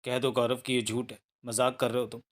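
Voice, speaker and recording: A man's voice: mid-range voice, flat delivery, fairly quick, lightly acted. A frightened young wife, as a man reads her. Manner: panicked pleading.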